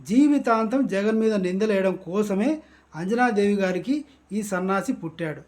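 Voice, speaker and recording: A man's voice: sits high, lively intonation, moderate pace, a little mellow. A man from Andhra Pradesh giving satirical political commentary in a mocking, sarcastic ranting way.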